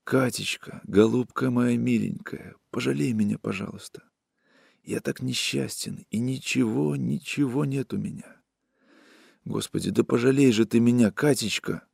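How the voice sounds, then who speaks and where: A man voicing a drunk, desperate young man who pleads in a hushed, trembling voice through tears. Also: medium pitch, big pitch swings, takes it slowly, no room sound, clean studio sound, voice pushed up, exaggerated voice. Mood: pleading, despairing.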